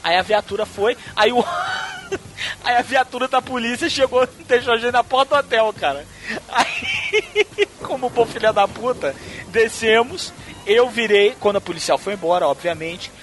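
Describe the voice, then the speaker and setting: A man from Brazil telling a wild story in a casual, profane and animated way, acting out what people said. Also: extremely high pitch, normal speed, slight background noise. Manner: profane, animated storyteller who acts out quotes. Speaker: podcast host.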